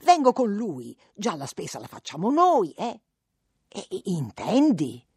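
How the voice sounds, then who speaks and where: A woman's voice: mid-range voice, huge pitch swings, measured pace, darkish tone, husky, dry recording, studio quality, exaggerated voice. A woman reading the part of an older peasant mother, talking earnestly and at length in a pleading, rambling way.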